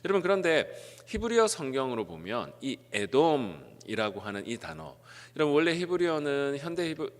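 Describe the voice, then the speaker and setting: A middle-aged male pastor preaching an early-morning sermon, filling pauses with "eo" and letting his phrases rise and then drop. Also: medium pitch. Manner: frequent "eo" fillers, rising then dropping phrases. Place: church sanctuary. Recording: church hall reverb.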